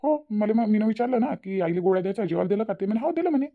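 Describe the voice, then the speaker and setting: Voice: medium pitch, expressive, racing, natural voice. A performer voicing a stubborn, hot-tempered adult son in a cartoon, with a Vidarbha Marathi accent. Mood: angry. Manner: scolding, stubborn. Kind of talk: cartoon voice acting. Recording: dull lo-fi recording.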